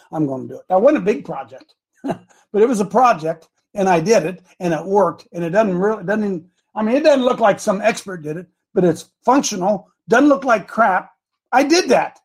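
With a raspy voice pitched high, an American man chats in a relaxed way on his religious talk show. He wanders through personal anecdotes with folksy animation, repeating phrases for emphasis.

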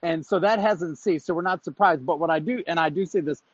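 A man calling in to a talk show from his car, his fairly high voice coming through a dull, muffled phone line. He speaks with preachy emphasis and rushes from point to point. The line sounds dry, with no room around him. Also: dry recording. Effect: phone call from a moving car. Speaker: caller. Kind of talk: call-in talk show chat.

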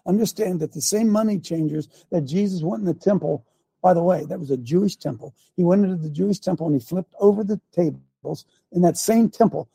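An older man hosting a show in a preachy commentary style, repeating his points and firing rhetorical questions, often clearing his throat. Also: high voice, fairly quick, dark tone, no room sound. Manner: emphatic, repeats lines, fires rhetorical questions. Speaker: show host.

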